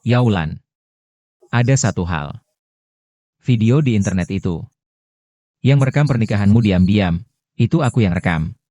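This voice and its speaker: An actor dubbing an earnest young man who speaks calmly and sincerely. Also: lowish voice, measured pace, long pauses, dry recording, studio quality. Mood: apologetic. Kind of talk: dubbed drama dialogue.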